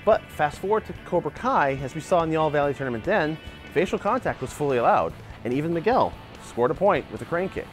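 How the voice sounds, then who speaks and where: A man's voice: fairly high pitch, quick pace, faint music behind. A man in his forties, a martial arts channel host, gives opinionated commentary outdoors in a backyard on a lapel mic, talking animatedly. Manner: animated, gestures a lot while arguing a point. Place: outdoor backyard by a wooden fence.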